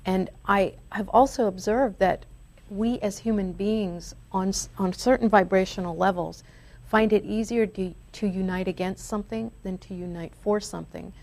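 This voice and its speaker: A woman's voice: medium pitch, steady tone, moderate pace, gravelly, darkish tone. A woman hosting a spiritual talk show, speaking in an earnest, reflective and uplifting way. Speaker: show host. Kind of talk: spiritual talk radio chat.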